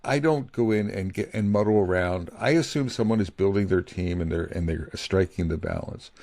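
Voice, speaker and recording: A man's voice: deep voice, normal speed, a little mellow, no echo. A middle-aged man co-hosting a podcast on leadership, talking candidly and in a rambling way, sometimes getting feisty, close to the mic at home. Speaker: podcast co-host. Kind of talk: casual podcast chat. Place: home office.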